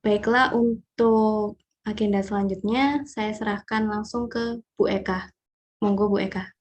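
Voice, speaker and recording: A woman opening a school video meeting in a measured, polite and formal way. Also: medium pitch, steady tone, darkish tone. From Indonesia. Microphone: video call audio.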